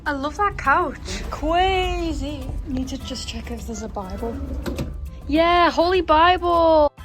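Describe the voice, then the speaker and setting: A woman's voice: sits high, a little slow, fairly bright tone. A British woman chatting casually as a travel vlogger, with a playful, exclamatory manner. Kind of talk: casual travel vlog chat. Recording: music under the voice. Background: background music.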